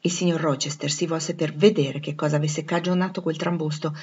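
A woman narrating a classic novel aloud in a measured, expressive reading. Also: sits low, husky. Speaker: audiobook reader. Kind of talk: literary audiobook narration. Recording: dull lo-fi recording.

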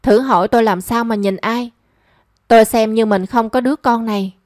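A woman's voice: on the high side, steady tone, moderate pace, a little mellow, no room sound, clean studio sound, lightly acted. A woman voicing a stern older mother who coldly reproaches her runaway daughter. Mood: bitter, cold. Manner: cold, bitter and reproachful.

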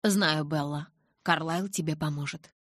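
A woman voicing an anguished, tender young man in an audiobook, speaking in a husky, pleading tone. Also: low-pitched, unhurried, dry recording, clean studio sound. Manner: pleading, urgent. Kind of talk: audiobook narration.

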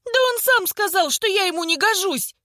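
A woman's voice: high voice, expressive, normal speed, a bit bright, dry recording, studio quality, pitched above the performer's own voice. A woman voicing an earnest young woman who pleads and breaks into tears easily. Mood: upset, crying out.

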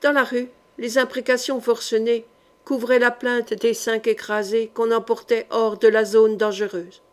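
Woman narrator, audiobook, slightly high voice, measured and dramatic. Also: little pitch movement.

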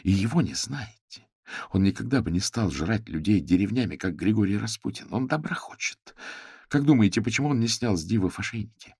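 A man's voice: lowish voice, expressive, normal speed, vocal fry, dark tone, slightly rough, dry recording, studio quality, exaggerated voice. A man voicing a frightened, pleading female div spirit in an audiobook. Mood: defiant. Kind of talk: audiobook character voice.

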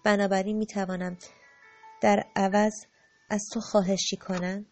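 A woman voicing a gentle, loving spirit in an audiobook, speaking calmly and tenderly. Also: mid-range voice, faint music behind, lightly acted. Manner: calm, tender, unhurried, softening to a hush. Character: gentle, loving spirit who agrees to play the wrongdoer.

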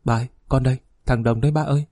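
A remorseful middle-aged police officer speaks low and pleading to his father, as a narrator puts him on. The voice is husky and dark, read at a storybook pace. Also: fairly even intonation, rapid-fire, no echo, studio quality, lightly acted.

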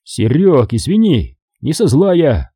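A man voicing a mocking, wisecracking sergeant who talks in quick, joking exclamations. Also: a little high, big pitch swings, dark tone, breathy edge, no room sound, clean studio sound, voice pushed up, exaggerated voice. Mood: wry banter.

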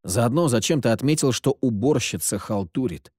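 A man narrating an audiobook in a steady, even storytelling manner. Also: mid-range voice, normal speed, no echo, clean studio sound. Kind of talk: scripted narration.

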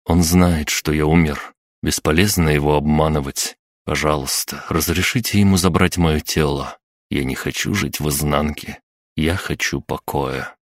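Resigned young man of twenty, done by a deep male reader; soft, low, pleading audiobook lines. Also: fairly even intonation, moderate pace, dry recording, studio quality.

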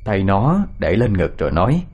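A man, calmly narrating a scripted story. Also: sits low, moderate pace, husky, dull audio.

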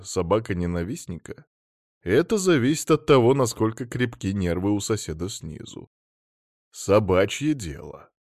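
A man's voice: fairly low pitch, darkish tone, no room sound. A man reading a story aloud in a dry, wry manner, voicing a weary duty officer. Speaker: narrator. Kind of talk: audiobook reading.

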